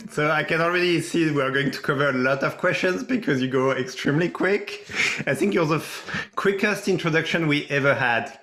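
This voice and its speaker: Bright-voiced man moderating an interview. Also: fairly high pitch. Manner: friendly, chatty, with light jokes. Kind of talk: online interview questions.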